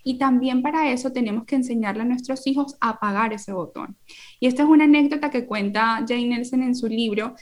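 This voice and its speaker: An earnest woman in her thirties speaks as a podcast guest on parenting. Her voice sits a little high, and she explains her ideas through everyday examples in a conversational way.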